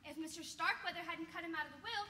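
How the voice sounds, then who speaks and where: A woman acting as a shy young maid in a stage whodunit, very high and bright, halting and flustered. The sound echoes in a hall with faint hiss. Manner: hesitant, flustered. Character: timid, lovesick young maid.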